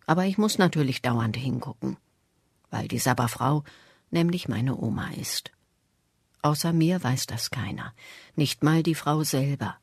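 Husky storybook narrator, middle pitch, steady first-person telling. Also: no room sound, studio quality. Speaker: audiobook reader.

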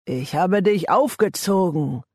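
A man reading an audiobook voices a threatening gang boss who growls his demands in a raised, forceful voice. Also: high voice, big pitch swings, normal speed, no room sound, clean studio sound, pitched above the performer's own voice. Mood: menacing.

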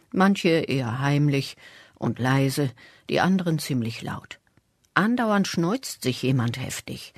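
Husky measured storybook narrator. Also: medium pitch, no echo, clean studio sound. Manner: measured first-person telling. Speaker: audiobook reader.

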